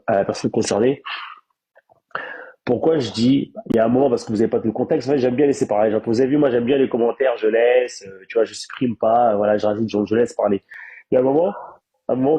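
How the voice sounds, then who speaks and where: A man's voice: on the low side, warm tone, breathy edge, rough recording. A young man with a congested, blocked-nose voice, chatting casually on a live stream and explaining himself emphatically with repeated rhetorical questions. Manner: repetitive, emphatic self-justification with rhetorical questions. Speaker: live-stream host, reality show participant.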